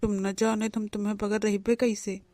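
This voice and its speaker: A woman's voice: medium pitch, level tone, fairly quick, warm tone, natural voice. A woman voicing a confused, henpecked young husband with an Awadhi accent. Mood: puzzled.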